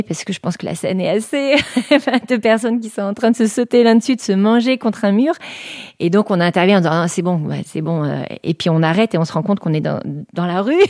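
Warm-voiced woman telling her story. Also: medium pitch, dry recording, clean studio sound. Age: 40s. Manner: chatty, halting, frequent fillers and restarts. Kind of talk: personal testimony storytelling.

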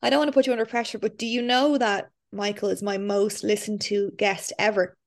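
An Irish woman speaks as a podcast host. Her voice is average in pitch. She talks to listener and guest in a chatty, effusive manner. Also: steady tone, fairly quick. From Ireland. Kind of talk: scripted podcast introduction, then casual interview chat.

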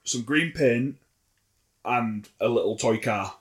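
A man co-hosting a casual sports podcast, wry and dry, often trailing off quietly. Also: mid-range voice, takes it slowly. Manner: dry, wry, drops volume at sentence ends. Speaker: podcast co-host. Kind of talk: casual chat.

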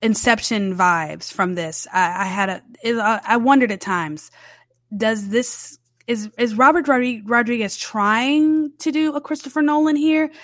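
A woman's voice: a little high, a little slow, a bit bright, no room sound, studio quality. A woman with a standard American accent and Southern roots, giving a casual, conversational film review and repeating words for emphasis. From southern United States.

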